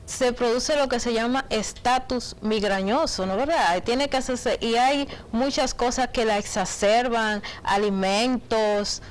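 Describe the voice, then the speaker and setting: A woman doctor answering health questions on a radio show, halting and often adding "¿no verdad?". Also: on the high side, rough recording. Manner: slow, halting, tags "¿no verdad?". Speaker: physician guest.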